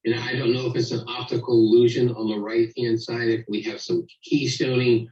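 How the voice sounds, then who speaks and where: Man judge, lowish voice, measured critique, echoey dull distant recording. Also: flat delivery, darkish tone. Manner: measured, with frequent "you know". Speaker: photo competition judge. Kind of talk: spoken critique. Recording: roomy, dull distant sound.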